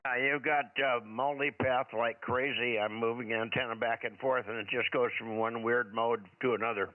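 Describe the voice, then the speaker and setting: A man's voice: mid-range voice, steady tone, moderate pace. A man running a ham radio net, heard over a two-way radio, who repeats calls and sign-offs in radio procedure. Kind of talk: casual two-way radio exchange. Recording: tinny radio with loud static.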